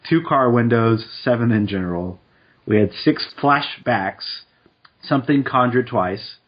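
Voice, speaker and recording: A man co-hosting a podcast in casual chat, relaxed and quick with asides. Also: mid-range voice, muffled recording. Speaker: podcast co-host. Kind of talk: casual chat, reading statistics aloud.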